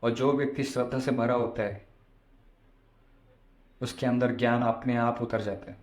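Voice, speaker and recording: Even-toned man preaching, in an echoey room. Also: mid-range voice, normal speed. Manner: explanatory, repeats phrases for emphasis. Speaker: spiritual storyteller and preacher. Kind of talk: devotional discourse with parables.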